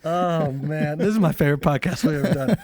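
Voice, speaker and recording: Animated, laughing young male podcast host. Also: fairly high pitch, fairly quick, no echo. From Montana, USA. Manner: animated, laughing, swears freely. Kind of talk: casual chat.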